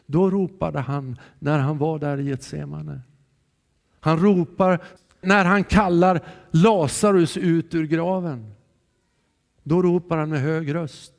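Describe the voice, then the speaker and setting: Male preacher, higher-pitched, earnest sermon delivery, long church reverb. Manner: calm, earnest, shifting between soft and raised voice.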